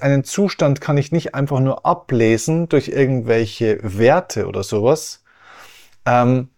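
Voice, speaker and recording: A man hosting a health podcast, explaining slowly in a teaching monologue. He repeats and rephrases his points and often checks in with a quick "ja?". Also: mid-range voice, a little mellow. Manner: didactic, repeats and rephrases, asks rhetorical questions with "ja?". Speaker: podcast host.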